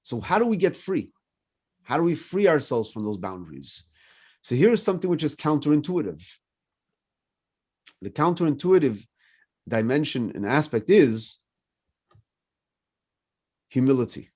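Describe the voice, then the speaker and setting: In his fifties and French by first language, a rabbi leads a morning class at a measured pace, his slightly rough, somewhat high voice swinging in pitch and broken by long pauses. He's animated, mixing personal tales with repeated questions to the audience.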